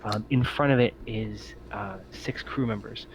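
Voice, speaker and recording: This man serves as game master for a tabletop roleplaying game, narrating a little slowly in a fairly low voice with fairly even intonation. He gropes for his words, hesitating with frequent ums. The audio is lo-fi and muffled, with noise in the background.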